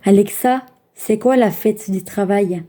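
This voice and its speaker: A woman's voice: mid-range voice, unhurried, mellow. A woman vlogger in casual chat, giving spoken commands and chatty asides, with some stumbles. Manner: chatty, stumbling, talking to a device.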